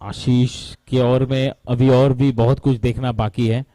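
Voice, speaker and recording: Indian guy calling cricket live, dramatic with rhymey wordplay, mid pitched, pretty dry sound. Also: little pitch movement, measured pace, mellow, dry recording. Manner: dramatic, rhyming wordplay, switches into English for scores. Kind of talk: live sports commentary.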